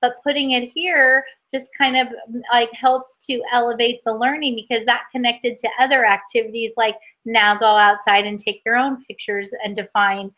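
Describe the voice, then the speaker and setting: A woman's voice: on the high side, flat delivery, moderate pace, muffled recording. A woman workshop host giving articulate, encouraging feedback on a teacher's lesson. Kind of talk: supportive feedback in an online workshop.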